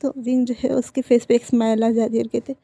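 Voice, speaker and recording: High, gravelly woman storyteller. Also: little pitch movement, a little fast, warm tone, no echo. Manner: emotional, informal, repeats fillers. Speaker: story narrator. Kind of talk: casual fan-fiction storytelling.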